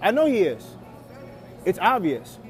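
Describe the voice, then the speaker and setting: Man, high-voiced, records a heated argument on his phone outdoors, insistent and stumbling. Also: wildly swooping pitch, a little slow. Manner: insistent, stammers when interrupted. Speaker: commuter filming a confrontation. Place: outdoors at a ferry terminal. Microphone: phone he is filming with.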